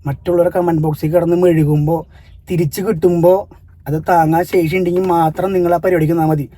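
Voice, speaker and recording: A man's voice: a little high, little pitch movement, fast, dark tone. A Malayali man telling a family story to his viewers, earnest at times and heated when he scolds commenters. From Kerala, India. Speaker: family vlogger. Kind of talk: casual vlog talk to viewers.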